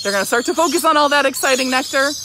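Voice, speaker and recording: Excited masked woman presenting over noisy bird calls. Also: high-pitched, very fast. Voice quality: slightly muffled through a face mask. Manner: excited, chatty, exclaiming. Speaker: zoo educator hosting a live animal show. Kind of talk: upbeat live-stream presenting. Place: outdoor zoo by a lorikeet aviary. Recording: very noisy aviary, loud bird and animal calls. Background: loud bird calls and chirping.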